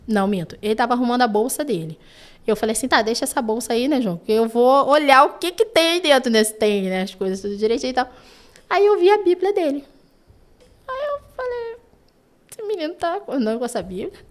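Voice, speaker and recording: A woman with a Brazilian Portuguese accent, a children's ministry teacher, chatting on a podcast and telling lively stories with lots of "né" and "sabe". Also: fairly high pitch, fast talker. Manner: animated storytelling, frequent "né" and "sabe". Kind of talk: casual podcast chat.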